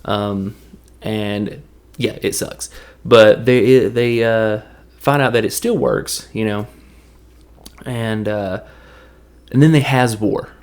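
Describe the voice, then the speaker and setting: A man with a fairly low pitch and steady tone recaps a movie in a loose, joking, rambling style. He's a movie reviewer from Tennessee with a Southern accent, and he drifts into quick impressions as he talks.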